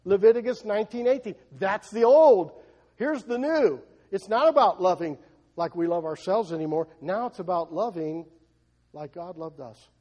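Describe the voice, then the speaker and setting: High-voiced preaching man. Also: animated, normal speed, warm tone, dull audio. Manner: emphatic, asks the congregation rhetorical questions; repeats and restarts words as he preaches. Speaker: pastor. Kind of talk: sermon.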